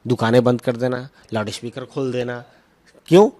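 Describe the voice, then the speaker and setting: A man acting as a party spokesman answers questions at political press remarks, arguing his points with emphatic repetition and mixing in English terms. His voice is medium-pitched and dark, with fairly even intonation and a moderate pace.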